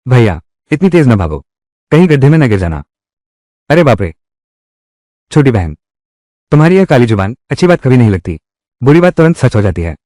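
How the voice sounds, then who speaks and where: Lively man dubbing every drama role. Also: medium pitch, fast talker, no room sound, clean studio sound. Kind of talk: Hindi-dubbed drama, one voice for all roles.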